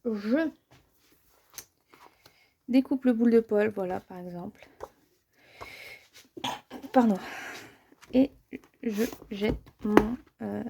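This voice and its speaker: A woman chatting casually in a vlog about her book collection, hesitant, with many pauses and fillers, sometimes dropping to a near-whisper. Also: medium pitch, gravelly, mellow, slight background noise.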